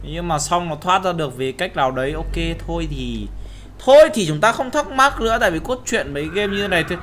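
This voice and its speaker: A young man with a slightly high voice talks his way through a horror game as a gaming host. He yelps and shouts at the scares and drops to a mutter while sneaking. A faint hiss of noise sits under the recording. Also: animated, brisk. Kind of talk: horror game let's play commentary.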